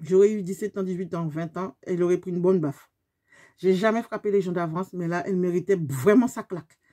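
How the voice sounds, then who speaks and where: A woman, telling a story to her viewers in a lively, emphatic way. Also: lowish voice, brisk. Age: 50s. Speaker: beauty vlogger. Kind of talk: storytime vlog.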